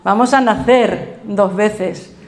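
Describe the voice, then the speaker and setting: A middle-aged woman pastor with a Spain Spanish accent, preaching a sermon in an animated storytelling way, acting out quotes and laughing as she goes. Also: medium pitch, takes it slowly, echoey room.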